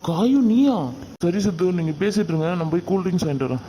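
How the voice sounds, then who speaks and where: A man's voice: high-pitched, expressive, fast talker, music in the background, rough recording. A man voicing a friendly, affectionate middle-aged father in a cartoon. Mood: fatherly. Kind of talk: cartoon voice acting.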